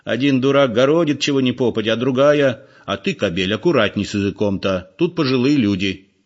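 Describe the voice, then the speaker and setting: A man reading aloud voicing a shrewd, gruff old village man with folksy speech. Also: medium pitch, brisk, dull audio, voice pushed up, lightly acted. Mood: sly.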